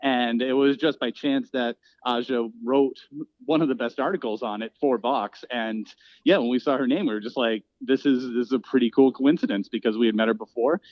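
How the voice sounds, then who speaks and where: A man's voice: medium pitch, fairly even intonation, normal speed, no echo. Male podcast co-host, thoughtful and searching, slightly muffled, dry close mic. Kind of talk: casual podcast chat.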